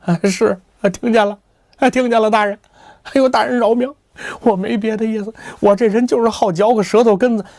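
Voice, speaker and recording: A man's voice: high-pitched, fairly even intonation, a little fast, darkish tone, no room sound, voice pushed up. A male storyteller voicing a nervous young gossip who stammers and pleads. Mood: nervous pleading.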